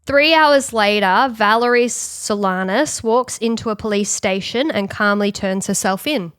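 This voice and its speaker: A woman co-hosting a podcast, retelling a story in casual chat and acting out quick quotes. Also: mid-range voice, fairly bright tone, clear, resonant tone, no room sound, clean studio sound. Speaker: podcast co-host.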